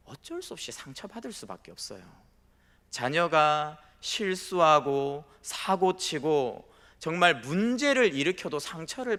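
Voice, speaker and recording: In a church sanctuary with long hall reverb, a male pastor preaches a sermon, telling stories and acting out the voices of the people in them. His voice sits on the high side and is a bit bright.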